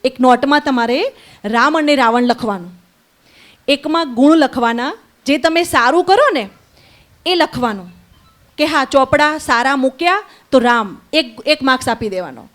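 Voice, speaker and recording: Woman, children's camp teacher, high voice; repeat-after-me lines and storytelling with questions. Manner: slow call-and-repeat blessings, then lively storytelling with questions to the children. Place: indoor camp hall with children.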